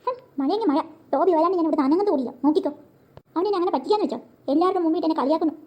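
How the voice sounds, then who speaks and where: A woman's voice: very high-pitched, very fast, muffled recording. A woman voicing a bossy, stubborn young cartoon girl who scolds and makes demands.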